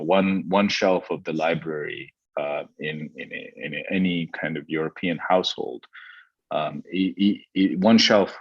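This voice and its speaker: A very deep-voiced man from Pakistan speaks as a historian in an academic conversation. He talks thoughtfully, often stopping with fillers and restarting his sentences. The sound is dry and dull. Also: no echo. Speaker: historian guest.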